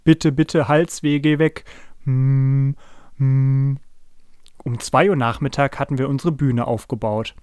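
A man hosting a podcast and reading a children's story aloud in a calm, even way. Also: medium pitch, no echo, studio quality. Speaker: podcast host and story reader.

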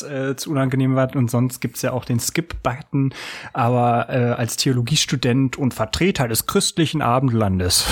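A young man co-hosting a casual podcast, joking and rambling with many restarts. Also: mid-range voice. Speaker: podcast co-host.

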